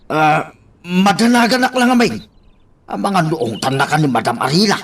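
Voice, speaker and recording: A man's voice: a little high, expressive, moderate pace, a bit bright. A man voicing a worried uncle who keeps exclaiming fretfully, in a radio drama.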